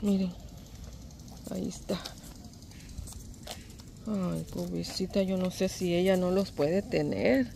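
Low, warm, and creaky, this vlogger's voice is slow, with frequent pauses. She's a Salvadoran woman with a Salvadoran Spanish accent recording on her phone during an outdoor walk, sounding anxious yet tender and repeating "ay" and "pobrecito." Background noise is noticeable.

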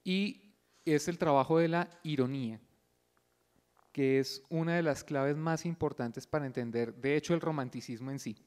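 A man giving an explanatory lecture before a concert, often pausing to check his listeners follow him. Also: on the high side, darkish tone. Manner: didactic, checks in often with a questioning "yes?"; thinks aloud with fillers and restarts. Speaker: lecturer at a pre-concert talk.

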